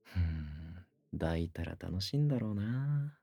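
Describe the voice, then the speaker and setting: A man doing a cocky, teasing young man, low husky whisper. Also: animated, measured pace, warm tone, no room sound, full character voice. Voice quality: husky whisper close to the ear. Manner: taunting, smug, crude. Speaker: voice actor. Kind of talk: whispered ASMR audio drama.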